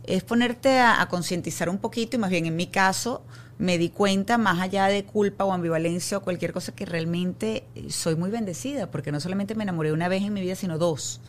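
A middle-aged woman with a slightly low voice talks in a soft, reflective and earnest way. She is from Venezuela and sits as a guest in a relaxed interview, with a faint hum behind her. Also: a little fast. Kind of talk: casual conversation.

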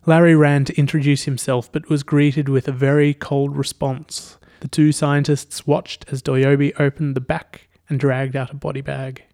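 Male narrator for a read-aloud story; steady, dry close recording. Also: mid-range voice, moderate pace, hardly any pauses, dry recording. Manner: steady storytelling with quoted dialogue. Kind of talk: scripted narration.

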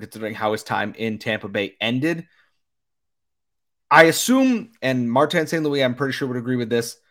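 A man with a slightly hoarse, talked-out voice hosting a sports podcast and giving commentary. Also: mid-range voice, a bit bright. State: slightly hoarse from a lot of talking.

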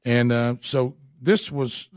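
Male radio host, casual banter, halting with stammered repeats, dry sound. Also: mid-range voice, dry recording.

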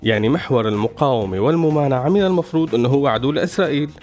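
A man's voice: medium pitch, racing, darkish tone. A man with a Syrian Arabic accent hosting a radio show, giving wry, explanatory satirical commentary from a script. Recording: music behind the voice.

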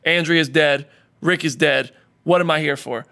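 A man's voice: a little high, normal speed, gravelly, pushed and bright. A man co-hosting a casual chat show, talking animatedly and getting worked up and indignant. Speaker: podcast co-host. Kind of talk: casual chat, raves and rants.

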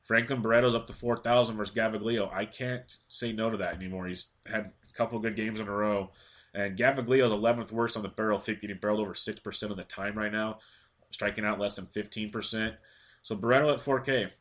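A man's voice: fairly low pitch, steady tone, a bit bright. A congested man running through daily fantasy baseball picks in a casual rundown, reeling off stats and slipping into a rant. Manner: quick stat-heavy delivery, ranting at times.

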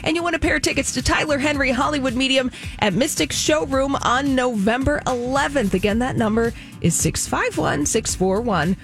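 A woman with a fairly high voice delivers a radio contest promo as a show co-host. She announces the prize and call-in details in an upbeat way, with faint music underneath. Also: moderate pace, few pauses, fairly bright tone. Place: radio studio.

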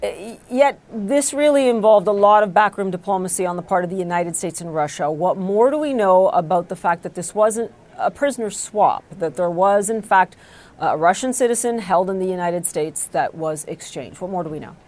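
A woman news anchor presenting from the studio in a brisk, polished manner. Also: medium pitch, darkish tone.

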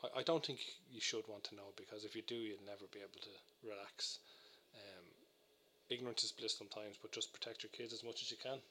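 A man's voice: fairly low pitch, steady tone, fairly quick, bright, forceful tone, slight background noise. A man hosting a casual studio chat, talkative and often repeating words as he starts. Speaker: host.

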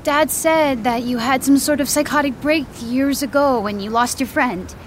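A woman's voice: high voice, normal speed, slight background noise, natural voice. A young woman playing a stubborn, caring daughter in an audio drama, earnest and a little cheeky. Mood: worried, earnest.

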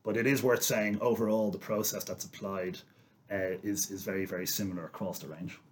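A man with a fairly deep voice talks as an expert guest on a finance podcast. His delivery is businesslike and measured, laid out as explanation. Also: fairly even intonation.

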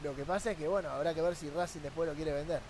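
Argentine guy on a sports panel, high voice, pushes his point w rhetorical questions, faint noise behind. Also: fairly even intonation, quick pace, a little mellow. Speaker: sports journalist guest. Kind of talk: sports talk panel discussion.

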